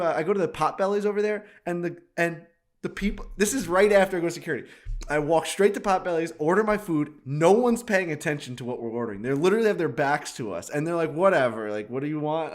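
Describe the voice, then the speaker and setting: Male podcast co-host, higher side, loose and profane storyteller. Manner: rambling, profane, animated anecdotes. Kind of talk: casual chat, storytelling.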